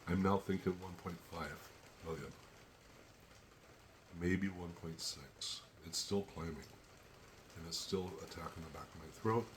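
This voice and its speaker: Man, deep low voice, slow measured chili tasting review, teary and sniffly, faint background hiss. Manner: slow, measured, thinking aloud between pauses. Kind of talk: casual solo tasting review.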